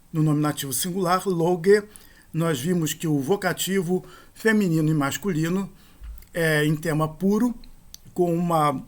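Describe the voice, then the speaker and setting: Methodical man teaching Greek grammar. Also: fairly high pitch. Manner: methodical, spells out endings and accent rules. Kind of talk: recorded grammar lesson.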